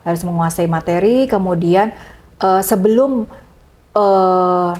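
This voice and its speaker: A woman's voice: fairly low pitch, slow pace, a little mellow. A woman, a guest in a casual interview chatting with many fillers and sharing hosting tips. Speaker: guest, MC and broadcaster.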